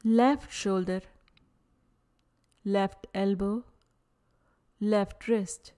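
Speaking in short, soothing phrases with long pauses between them, a woman leads a guided yoga nidra session. Her voice sits in the middle range and stays calm throughout.

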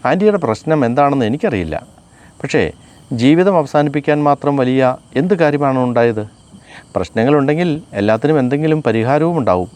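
A man reading aloud and voicing a caring young woman who asks anxious, gentle questions. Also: medium pitch, animated, a little fast, natural voice. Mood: concerned.

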